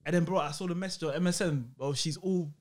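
A man's voice: on the high side, fast talker. A young man with an urban London roadman accent, chatting and telling stories in emphatic, repetitive street slang. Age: young adult. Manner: slangy, emphatic, repeats himself. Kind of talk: casual storytelling banter.

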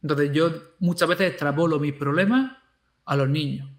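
A man who teaches school, talking casually with an animated way of acting out what he says to his pupils. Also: on the high side, moderate pace, roomy sound. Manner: animated, acts out quoted speech to pupils. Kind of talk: casual conversation.

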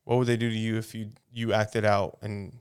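A man's voice: lowish voice, flat delivery, moderate pace, clear, resonant tone. A man chatting casually on a podcast, swearing a lot and asking the others questions. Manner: profane, rambling, asks questions. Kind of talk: casual chat.

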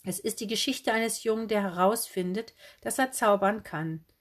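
A woman's voice: mid-range voice, moderate pace, close to an everyday voice. A woman voicing a cheerful, quirky young female bookseller in a kimono, bubbly and breezy. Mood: chirpy. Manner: bubbly, breezy, oddly matter-of-fact.

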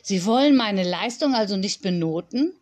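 A woman's voice: mid-range voice, expressive, normal speed, a little mellow, lightly acted. A woman reading an audiobook, voicing a proud, petulant schoolgirl who sounds whiny and indignant. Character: sulky top-grade schoolgirl, proud and petulant.

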